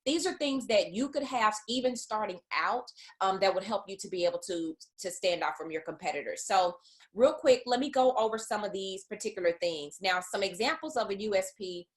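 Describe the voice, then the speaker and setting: A woman's voice: medium pitch, a little fast. A woman with a Southern US accent, a business coach teaching an online class in a conversational way, often restarting her sentences. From American South. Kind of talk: webinar teaching.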